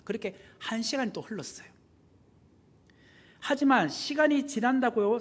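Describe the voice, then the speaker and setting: A man preaching a sermon as pastor in a church, animated and conversational, acting out the voices he quotes and asking the congregation questions. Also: sits high, slightly rough. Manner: animated, acts out quoted voices with big swings in loudness. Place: church sanctuary.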